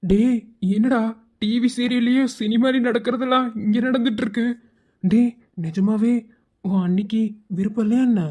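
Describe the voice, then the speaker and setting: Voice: mid-range voice, steady tone, moderate pace, pauses often, warm tone, natural voice. A performer voicing a young man's friend in a cartoon who talks in casual, teasing banter. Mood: baffled.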